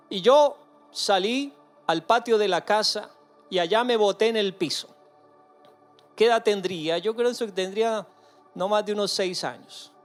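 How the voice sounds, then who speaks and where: A man preaching a sermon in earnest, slowing and softening on key phrases. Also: sits high. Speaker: pastor.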